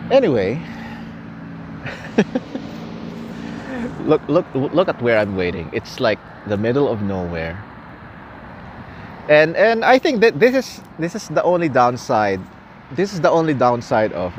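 A young man, a native Tagalog speaker, chats casually with viewers on a night live stream at a gas station, laughing often and repeating words. His medium-pitched voice is sing-song and a little slow, with frequent pauses. The phone camera is held at arm's length, catching faint outdoor noise, traffic and city ambience.

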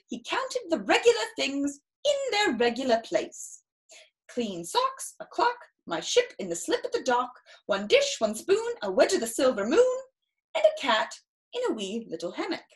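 A very animated woman with a high voice reads a storybook at children's story time, sprinkling in chatty asides. Theatrical and expressive, she leans on drawn-out emphasis and exclamations. She is seated in an armchair inside a small room.

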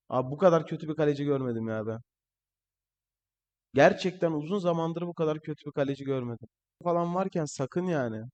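Young male gamer, higher-pitched voice, excitable live commentary, strained from yelling. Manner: excitable, shouting at players on screen. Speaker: gaming channel host.

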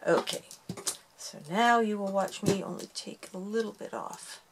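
A woman's voice: medium pitch, steady tone, moderate pace, noisy background. A woman hosting a casual craft tutorial, chatty and self-deprecating as she talks through each step while working with her hands.

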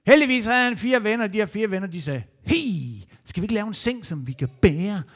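A man with a rather high voice tells children's stories in a church. He is lively and playful, animated, letting his voice jump up and down. He talks easily and warmly to the young listeners around him. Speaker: children's entertainer. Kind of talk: storytelling to children.

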